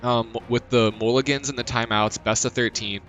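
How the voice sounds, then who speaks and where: A man's voice: mid-range voice, steady tone, normal speed, fairly bright tone, soft background music. A man with a hungover voice, hosting a tournament livestream as its caster in a casual, self-deprecating chat. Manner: self-deprecating, chuckles often. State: hungover after a night out.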